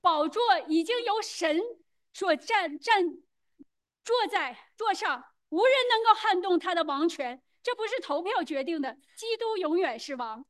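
A woman interpreting a sermon phrase by phrase, quick and hesitant, with fillers and self-corrections. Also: extremely high pitch, animated, fairly bright tone.

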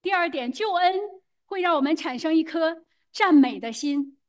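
A woman interpreting a sermon phrase by phrase, quick and hesitant, with fillers and self-corrections. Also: extremely high pitch, expressive.

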